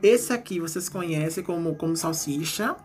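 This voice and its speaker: A man's voice: a little high, normal speed, darkish tone, a little hiss or hum. A man hosts a fan page and chats playfully with his viewers about celebrity news. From Brazil. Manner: chatty, playful, addresses viewers as gente. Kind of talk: casual celebrity gossip commentary.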